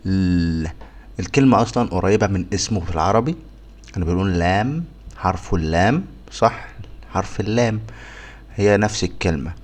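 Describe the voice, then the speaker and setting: A man with an Egyptian Arabic accent teaching a phonics lesson to beginners, sounding out letters one by one and repeating each word slowly. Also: low-pitched. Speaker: English teacher.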